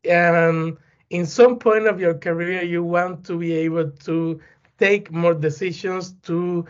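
A man, answering interview questions as a guest in an earnest, halting way with many fillers. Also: sits high, steady tone. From Cuba. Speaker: guest, plant pathology professor. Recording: dull lo-fi sound.

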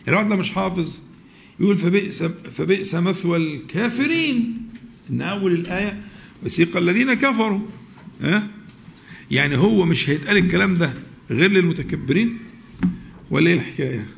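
Gravelly Egyptian man teaching scripture. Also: high voice, animated, a bit bright, a little hiss or hum. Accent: Egyptian Arabic. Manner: questions the audience, with many drawn-out pauses and restarts. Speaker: religious teacher. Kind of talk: religious lesson, explaining scripture to students.

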